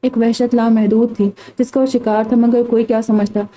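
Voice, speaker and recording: A woman narrating a romance novel in steady, scripted reading. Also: a little high, moderate pace, rough recording. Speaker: audiobook narrator.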